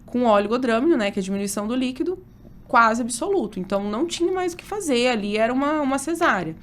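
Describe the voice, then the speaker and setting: Emotional high-voiced woman telling a story. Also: fast talker, a little hiss or hum. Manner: emotional, animated retelling with many fillers. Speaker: obstetrician guest. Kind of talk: casual interview storytelling.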